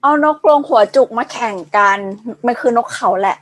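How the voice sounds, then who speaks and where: A woman with a somewhat high voice, recalling memories hesitantly in a casual podcast chat. The sound is dry and close, with no room echo. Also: moderate pace, fairly bright tone. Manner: reminiscing, hesitant with fillers. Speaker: podcast co-host.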